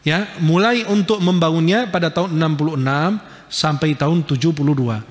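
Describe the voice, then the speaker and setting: A man preaching a casual religious lecture, lively and jokey, pointing at pictures as he talks. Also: fairly high pitch, a little fast, in a large hall. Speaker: Islamic preacher.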